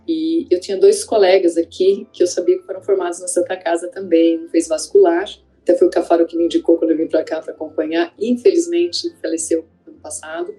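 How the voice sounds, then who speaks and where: Low, mellow-voiced woman reminiscing. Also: a little fast, few pauses, soft background music, low-quality recording. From Greater São Paulo, Brazil. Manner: conversational, many fillers and tag questions. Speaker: ophthalmologist. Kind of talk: reflective interview testimony.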